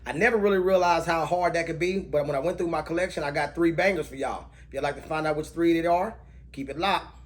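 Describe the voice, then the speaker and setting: A man with a slightly higher voice gives a casual fragrance review to camera. He talks in a relaxed, conversational way and rattles off scent notes in a steady rhythm. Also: fast talker, noisy background.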